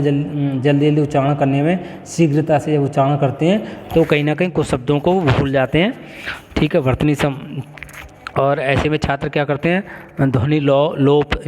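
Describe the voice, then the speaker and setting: A man teaching a college class, explaining step by step and often pausing to check the class is following. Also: on the high side, a little mellow, slight background noise. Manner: explains with frequent checks of "ठीक है". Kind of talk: classroom lecture. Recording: long hall reverb.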